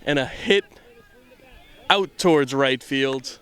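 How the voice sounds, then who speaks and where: Young man doing casual headset commentary outdoors, rambling and offhand, mid-pitched. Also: slow pace, fairly bright tone, clean tone. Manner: rambling, self-deprecating, offhand. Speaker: camera operator and commentator. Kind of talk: casual live sports commentary. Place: outdoors at a softball field.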